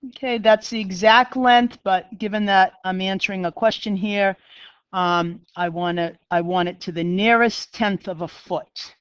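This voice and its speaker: Talking directly to her class, a chatty, self-deprecating middle-aged teacher with a Boston accent works through a math lesson. She speaks in a smooth, clear, mid-range voice with a steady tone. The sound is dry with no echo, though slightly dull and lo-fi.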